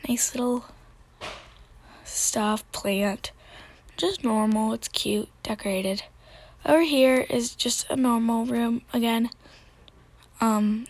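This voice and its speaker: A young woman with a slightly cracky voice, giving a casual, hesitant, rambling commentary as she hosts a game tour. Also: fairly high pitch. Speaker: video host.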